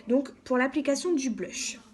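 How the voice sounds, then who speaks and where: A woman giving a calm, step-by-step makeup tutorial as a beauty vlogger, often saying "donc" and "voilà". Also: sits high, normal speed, slight background noise.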